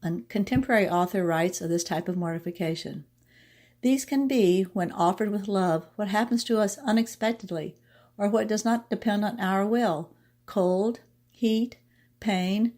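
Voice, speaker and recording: A woman professor presenting a short devotional segment, reading a prepared script in a measured way and slowing down for poetry. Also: medium pitch, darkish tone. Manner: measured, reads poetry slowly and deliberately.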